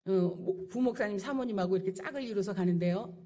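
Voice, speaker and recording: A woman's voice: mid-range voice, fast talker, mellow. A middle-aged woman pastor preaching a sermon with rising passion, acting out the people she quotes. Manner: impassioned preaching with acted-out quotes.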